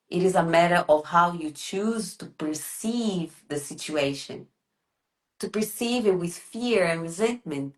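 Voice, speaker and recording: Female channeler, lower register, seance-medium delivery, formal and measured spiritual guidance. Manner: formal, measured counsel addressing listener as dear one. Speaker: trance channeler leading a session.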